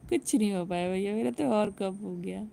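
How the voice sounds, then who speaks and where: A woman's voice: medium pitch, normal speed, gravelly, mellow, slight background noise. A woman hosting a casual live stream, chatting and laughing with viewers and greeting them by name.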